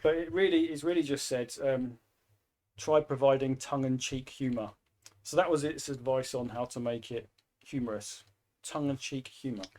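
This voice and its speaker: A man's voice: medium pitch, moderate pace, darkish tone. A man co-hosting a casual podcast, teasing his co-host with mock-dramatic build-ups and free swearing. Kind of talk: casual banter.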